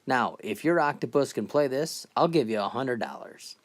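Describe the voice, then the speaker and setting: A man's voice: mid-range voice, animated, normal speed, natural voice. A shrewd bar owner, as a man acts him out in a joke story. His challenging tone stays close to the teller's everyday voice. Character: shrewd male bar owner making a bet.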